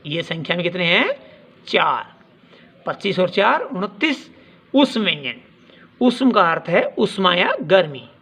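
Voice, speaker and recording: A man teaching a grammar lesson, dictating definitions slowly and repeating questions to the class. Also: sits high, very animated, fairly bright tone, slightly rough.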